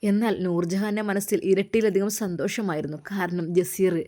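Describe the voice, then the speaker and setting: A woman from Kerala narrates a religious story. She reads in a measured, earnest manner at a middle pitch. She speaks as a storyteller throughout. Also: steady tone, warm tone.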